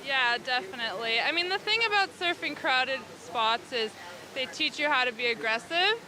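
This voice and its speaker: A young woman with a fairly high voice chats in a casual post-competition interview. She talks like a surfer, loose and conversational. A clear crowd is heard outdoors behind her. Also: lively intonation, moderate pace. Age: young adult. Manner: chatty, frequent "like". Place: outdoors at a beach contest.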